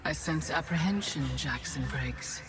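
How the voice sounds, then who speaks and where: Music plays prominently behind a sorceress from a dramatic video game. She is imperious and formal, measuring out each phrase slowly. Her menace is regal and controlled. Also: deep voice, animated, creaky, full character voice. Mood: composed, sinister.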